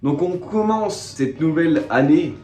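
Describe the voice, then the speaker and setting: A man's voice: on the high side, expressive, unhurried, darkish tone, echoey room, soft background music. A young man vlogging from his living room, rambling in slangy, self-mocking chatter with many fillers. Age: young adult. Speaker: YouTuber. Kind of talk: casual vlog storytelling.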